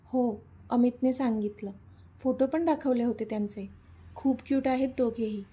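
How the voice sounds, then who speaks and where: A woman's voice: on the high side, moderate pace, warm tone, slightly rough. A woman voicing an emotional, stubborn young woman who pleads insistently, in a storybook reading. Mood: fond.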